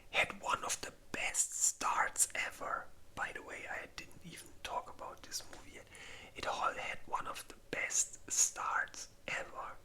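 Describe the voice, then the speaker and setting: Speaking only in a breathy, airy whisper with a very bright quality, this ASMR creator takes her time. It feels like a relaxed, wandering chat, the phrasing loose and unrefined.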